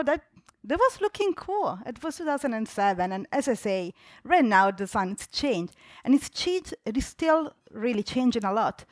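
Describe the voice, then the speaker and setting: Her voice sits high and carries no echo: a young Italian woman, accent clearly Italian, addresses a conference from a large dark auditorium stage. She talks conversationally, often restarting and using fillers.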